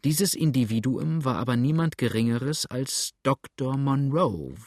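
Guy reading an old novel aloud, steady and measured, dry studio sound. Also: mid-range voice, no room sound. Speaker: audiobook narrator. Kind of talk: scripted narration of a novel.

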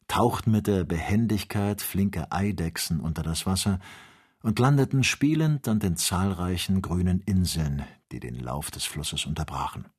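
Deep-voiced male audiobook narrator. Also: husky. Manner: even, descriptive storytelling. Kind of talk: scripted narration.

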